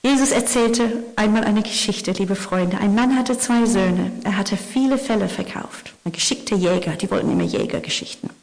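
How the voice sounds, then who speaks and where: A woman preaching a Christmas sermon, telling stories and often dropping to a hushed whisper for emphasis. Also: medium pitch, sing-song, normal speed, hardly any pauses. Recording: long hall reverb.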